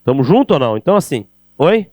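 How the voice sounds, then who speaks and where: A middle-aged Brazilian man with a Brazilian Portuguese accent delivers an energetic keynote on sales in an event hall. His voice is a little high and fast, animated as he addresses the audience directly with rhetorical questions. The recording is dry.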